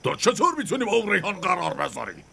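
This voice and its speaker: A man's voice: high voice, sing-song, a crowd in the background, full character voice. An actor dubbing a stern old family patriarch who scolds his grown children, in a TV drama dub. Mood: angry. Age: older. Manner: scolding, gravelly. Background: music.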